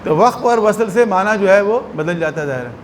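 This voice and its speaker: A man's voice: high voice, expressive, slight background noise. A man with a Pakistani Urdu accent, a religious scholar giving a lecture who explains with little acted anecdotes.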